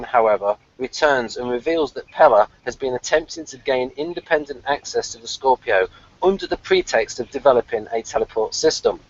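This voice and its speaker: A medium-pitched male voice with no echo comes from a review show co-host who chats casually and reads out episode summaries. The recording is dull, lo-fi online call audio.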